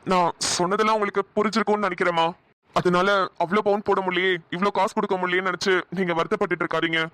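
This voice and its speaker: A man's voice: high voice, steady tone, very fast, a bit bright, dry recording. A man voicing male family characters in a cartoon comedy, speaking earnestly.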